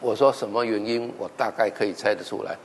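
Pastor telling a story in a hall. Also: male voice, on the low side, quick pace, a little hiss or hum. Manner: animated storytelling, acting out quoted dialogue. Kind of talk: sermon storytelling.

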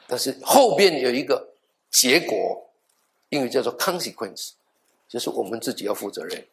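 The speaker is a middle-aged pastor whose mid-range voice moves at a moderate pace. He preaches by telling stories with animation, acting out the dialogue, making half-joking asides, and mixing in the odd English word.

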